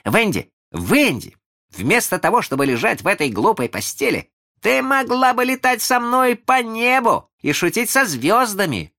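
A man reading a storybook aloud and voicing an eager, cunning young boy who never grows up, talking in an excited, coaxing way. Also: sits high, moderate pace, voice pushed up, full character voice.

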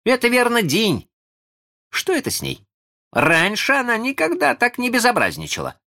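A man reading a storybook aloud and voicing an eager, cunning young boy who never grows up, talking in an excited, coaxing way. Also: extremely high pitch, moderate pace, pitched above the performer's own voice, exaggerated voice. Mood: puzzled.

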